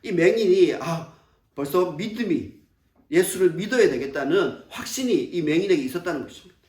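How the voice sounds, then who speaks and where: High-voiced preaching man, echoey church. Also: animated, a little fast, darkish tone. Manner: preaching with rhetorical questions and dramatized quotes. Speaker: pastor. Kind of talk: sermon. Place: church sanctuary. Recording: echoey church from a distant mic.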